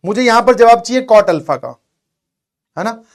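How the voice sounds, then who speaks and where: A man's voice: very high-pitched, animated, moderate pace. A man teaching math in a lecture, playful, acting out both sides of a dialogue with his students.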